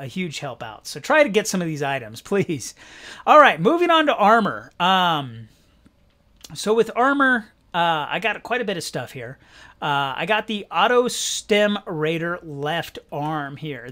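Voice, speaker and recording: A young man hosting a gaming channel, giving casual, rambling commentary with lots of fillers. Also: high-pitched. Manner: relaxed, rambling, many fillers.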